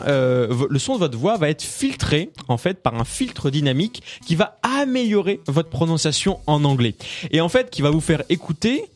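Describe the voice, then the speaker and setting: A man presenting a tech segment on a radio talk show, explaining a gadget with many hesitations and fillers. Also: on the high side. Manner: hesitant, full of fillers and "en fait". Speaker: tech columnist.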